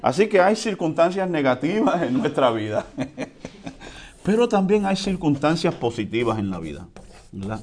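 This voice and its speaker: A man preaching a sermon in a conversational way, often checking in with the congregation and swinging between quiet and loud. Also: a little high, measured pace. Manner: lively swings between soft and loud, with chuckles. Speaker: pastor.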